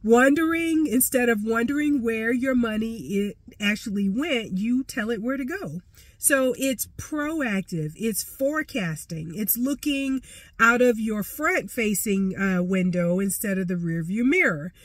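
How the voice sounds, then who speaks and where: A woman's voice: mid-range voice, animated, measured pace, no echo. A woman finance coach with a stuffy, nasal voice, giving chatty and encouraging advice straight to the camera. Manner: chatty and encouraging, with many fillers. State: congested, nasal voice. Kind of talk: casual direct-to-camera advice.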